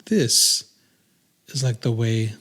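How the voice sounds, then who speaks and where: A man's voice: mid-range voice, slow, a bit bright. A man in his thirties co-hosting a podcast in casual chat, rambling with many restarts and fillers. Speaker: podcast co-host.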